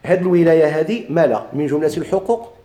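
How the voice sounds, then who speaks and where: رجل بلهجة مغربية يلقي درساً في الفرائض، يكرر المصطلحات ويسأل طلابه. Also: male voice, on the high side, expressive, fast talker, dark tone, echoey room. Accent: Moroccan Arabic. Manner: repeats key terms, quizzes students. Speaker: teacher of Islamic inheritance law. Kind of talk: classroom lecture, questions and answers.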